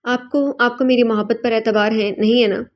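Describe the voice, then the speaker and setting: A woman voicing a devoted young wife in an audiobook, with a gentle, heartfelt and tearful delivery. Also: fairly high pitch, steady tone, close to an everyday voice. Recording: dull lo-fi recording.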